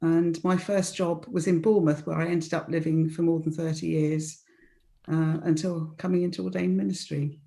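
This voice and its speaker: A woman's voice: deep voice, level tone, normal speed, gravelly, mellow. A woman in her seventies from southern England, a retired minister chatting as a podcast guest, with dry, understated humour. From Hove, southern England. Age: 70s. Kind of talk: casual interview chat.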